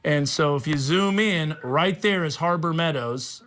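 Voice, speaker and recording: A man with a slightly high voice works as a TV meteorologist in live storm coverage. He speaks off the cuff, explaining what is on screen and giving the crew instructions as he goes. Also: unhurried, a bit bright. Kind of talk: live unscripted severe weather coverage. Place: TV studio.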